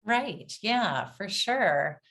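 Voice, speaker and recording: A woman's voice: medium pitch, lively intonation, drawn-out words, fairly bright tone. A woman hosting an interview who speaks enthusiastically and stumbles over her words as she steers toward the next question. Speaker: interview host. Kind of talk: casual interview chat.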